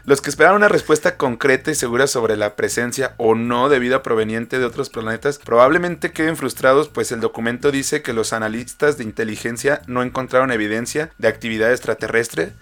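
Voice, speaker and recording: A young man with a Mexican accent and a medium-pitched voice talks as a podcast co-host. His manner is pure laid-back frat bro, full of slang, cursing and joking asides in easygoing banter. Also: brisk, hardly any pauses, a bit bright. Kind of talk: casual comedic podcast banter.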